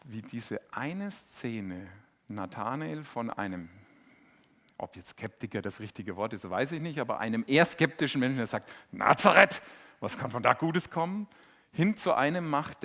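A middle-aged man preaching a sermon in a lively, conversational way, acting out the quotes he tells. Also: mid-range voice, moderate pace.

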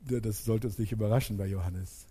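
A man preaching a sermon. He talks straight to his congregation and uses dramatic pauses, dropping soft and then building loud. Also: lowish voice, slightly rough, big-room sound.

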